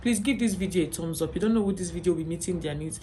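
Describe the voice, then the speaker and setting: A Nigerian woman speaks straight to her viewers in a personal vlog, earnest and pleading. Her voice sits a little low, and she keeps checking in with "okay?". A faint hiss of background noise runs under her. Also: racing, warm tone. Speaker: vlogger and mother.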